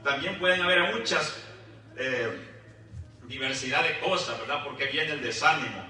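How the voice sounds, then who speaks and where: A man preaching a sermon, often adding "right?" and praise asides, with halting repeated words. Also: medium pitch, pushed and bright. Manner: frequent "¿verdad?" and "gloria a Jesús" asides. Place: church hall. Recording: echoey church, mic at a distance.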